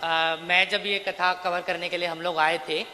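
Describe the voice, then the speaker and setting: A man's voice: high voice, flat delivery, a little slow, pushed and bright, in a large hall, slight background noise. A male journalist asking questions politely and hesitantly, with a deferential tone. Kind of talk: questioning on the spot.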